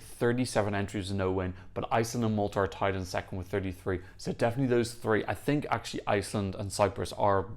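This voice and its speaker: A young man hosts a Eurovision reaction channel, chatting enthusiastically and gushing through casual analysis of the music. His voice is lowish and a little mellow.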